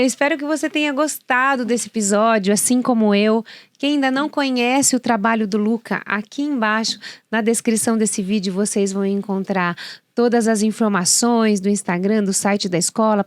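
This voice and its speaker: A woman's voice: mid-range voice, dry recording, studio quality. Encouraging woman hosting a podcast. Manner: affirming, encouraging. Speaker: podcast host. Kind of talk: interview and podcast sign-off.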